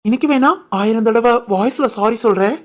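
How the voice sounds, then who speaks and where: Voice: mid-range voice, a little fast, lightly acted. A voice artist playing an eager, lovestruck young office worker in a cartoon, with a southern Tamil Nadu dialect. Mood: doting. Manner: pleading, doting, excitable. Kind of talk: cartoon voice acting.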